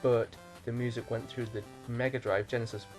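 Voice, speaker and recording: A man co-hosting a casual podcast chat, explaining at length, thinking out loud and correcting himself. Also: mid-range voice, little pitch movement, brisk, faint music behind. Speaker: podcast co-host.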